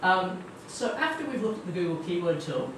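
A young Australian man with a high, very animated voice speaks at normal speed, giving a casual, chatty tech talk full of ums and kind-ofs as guest speaker at a marketing meetup. He's in a dim meeting room with a projector screen, captured by a far room camera in an echoey, distant, noisy recording.

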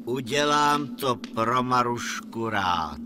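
A man's voice: mid-range voice, animated, noisy background, natural voice. A man voicing June, a gracious summer month spirit, speaking ceremonially in a Czech puppet play. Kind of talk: Czech puppet theatre fairy-tale acting.

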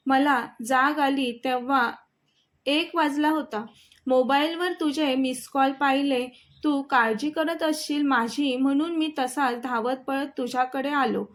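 A woman voicing a loving young husband who pleads earnestly in a low voice. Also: fairly even intonation, a little slow. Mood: pleading.

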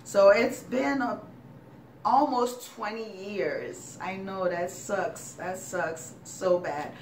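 A woman's voice: medium pitch, takes it slowly, roomy sound, recorded from a distance, slight background noise. A young woman from Sierra Leone chatting casually to her viewers as a vlogger, laughing often and filling her talk with fillers. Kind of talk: casual chat.

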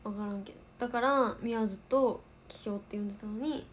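This idol livestream host, a woman in her twenties from Osaka, talks at a quick pace in a mid-range voice over slight background noise. She answers viewer comments in a casual, chatty way with a light Kansai accent.

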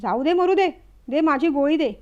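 Woman playing a shrill scolding mother-in-law. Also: lively intonation, moderate pace, dull audio. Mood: angry.

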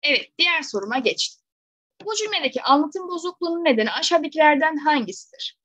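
Speaking fast in a high, expressive and slightly bright voice, a woman teacher walks through exam questions one step at a time. She frequently poses rhetorical questions to check along the way. The close recording is dry and slightly dull, with no echo.

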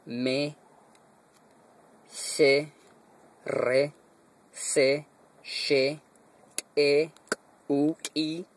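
A man's voice: mid-range voice, a bit bright. A man teaching pronunciation, reciting single syllables one by one with short explanations. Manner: slow, deliberate drilling of single sounds with short explanations. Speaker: language teacher.

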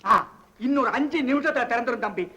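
An actor playing a servant in a classic film, answering in a casual, matter-of-fact way. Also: male voice, very high voice, fast talker, fairly bright tone, in a large hall, dull audio.

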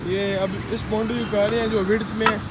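Speaking fast in a high, level voice, a young man shows viewers around a rooftop construction site and explains the work. He's from Pakistan with a Punjabi-influenced Urdu accent, and his arm's-length phone camera picks up plenty of outdoor noise.

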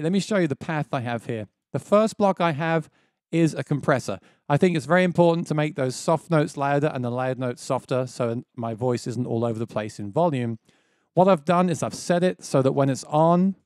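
A thirty-something man with a slightly mellow voice, which he himself calls quite low, presents a casual music gear tutorial, enthusiastically going step by step. He's on a dynamic mic mounted on a boom close to his face in a small home studio, and the sound has no echo.

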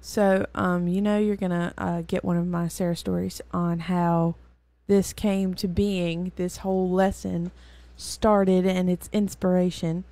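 Chatty, mellow-voiced woman teaching scripture. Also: lowish voice, flat delivery, measured pace, hardly any pauses, dry recording. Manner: chatty and rambling, with many fillers and self-corrections. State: weary. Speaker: host and Bible teacher. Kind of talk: casual Bible teaching.

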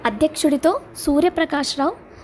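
A woman narrating a literary novel as an audiobook, in a steady storytelling manner. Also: high voice, a little fast, slight background noise.

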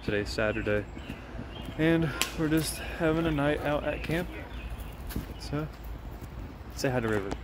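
A man's voice: fairly high pitch, measured pace, long pauses. A man chatting casually to viewers as a family vlogger, recorded outdoors at a campground. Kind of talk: casual vlog chat. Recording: noisy outdoor camcorder-style recording.

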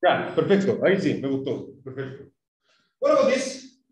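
A man with a Chilean Spanish accent teaches an English class, asking questions and drilling pronunciation. His fairly high voice swings hugely in pitch at a normal speed. The room is echoey and the mic is far off.

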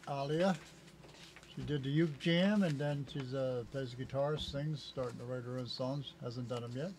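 A man's voice: mid-range voice, moderate pace, darkish tone, slight background noise. An older man who owns a music store, recapping store events in a laid-back, matter-of-fact way. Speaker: music store owner, show host. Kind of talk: casual family chat on a shop show.

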